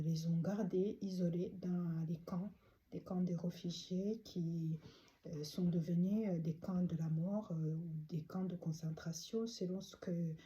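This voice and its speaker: A woman from Rwanda delivers a prayer and prophetic address in a very dark, mellow voice. She talks haltingly, with many pauses and fillers, yet stays earnest and pleading throughout. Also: fairly low pitch. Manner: halting, with frequent hesitations and fillers. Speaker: speaker delivering a prophetic message.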